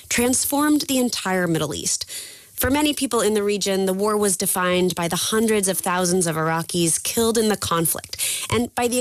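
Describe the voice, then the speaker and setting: A woman hosting a radio news program, introducing a story with crisp, authoritative delivery. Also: mid-range voice, no echo. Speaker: news host.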